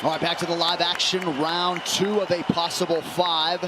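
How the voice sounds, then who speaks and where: A man's voice: on the high side, little pitch movement, normal speed. A man giving live play-by-play commentary on a fight. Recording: loud arena crowd and noise. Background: loud crowd noise.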